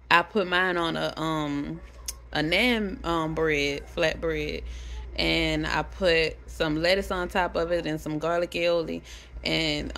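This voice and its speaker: A young adult woman vlogging, telling a casual story to camera, animated and chatty, swearing freely. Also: low-pitched, gravelly, slight background noise.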